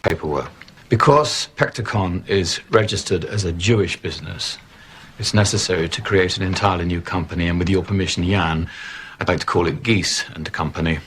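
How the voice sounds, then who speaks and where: A man playing a calm, gentle businessman and father in a film drama, measured and reassuring. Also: low-pitched, a little hiss or hum.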